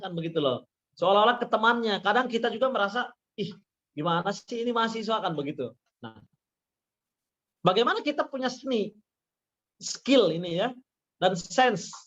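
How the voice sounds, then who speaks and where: Give me a man lecturing online over a video call mic, high-pitched, repeating key phrases, with dull lo-fi sound. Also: a bit bright. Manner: repeats phrases, with many "ya" and "nah" fillers. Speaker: webinar speaker and university lecturer. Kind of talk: lecturing through slides in an online webinar. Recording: dull lo-fi webinar audio.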